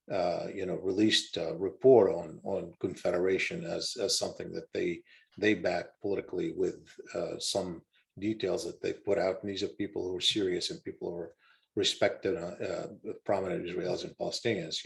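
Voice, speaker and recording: A man, the guest professor, answering in a measured way with frequent restarts. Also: sits low, gravelly. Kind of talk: discussion answers.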